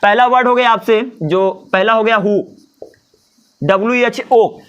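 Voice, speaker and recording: A man's voice: high-pitched, unhurried, clean tone, dull audio. A man teaching English pronunciation in a Hindi-English video lesson, asking and answering his own questions. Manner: lively, asks and answers his own questions, voices imagined students.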